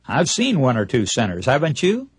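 A man's voice: mid-range voice, huge pitch swings, normal speed, breathy edge, no room sound, clean studio sound. A man preaching a broadcast Bible sermon, emphatic and putting rhetorical questions to his listeners. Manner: acts out short imagined dialogues. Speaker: radio preacher.

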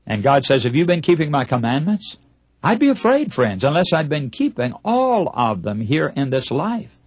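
Man, broadcast sermon, lively intonation, emphatic questions, husky tone, dry close sound. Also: a little high, normal speed, no echo. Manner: emphatic, rhetorical questions to listeners; acts out short imagined dialogues. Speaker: radio preacher.

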